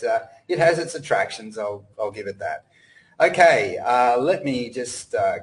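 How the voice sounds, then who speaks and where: A man's voice: on the low side, poor audio. Rambling Australian-raised man presenting. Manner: rambling, many fillers and restarts. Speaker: webinar presenter. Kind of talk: casual presentation. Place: home in Cambodia.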